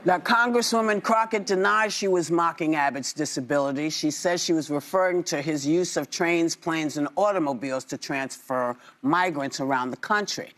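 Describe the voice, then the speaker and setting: Male news anchor, higher pitch. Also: normal speed, few pauses, fairly bright tone.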